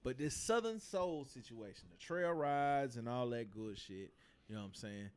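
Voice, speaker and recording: Leading a casual podcast discussion on his livestream, this South Carolina host speaks with a smooth, animated, mid-range voice at a moderate pace. He talks in slang, cusses freely, and keeps things moving by asking questions. He's a Southern man from the United States.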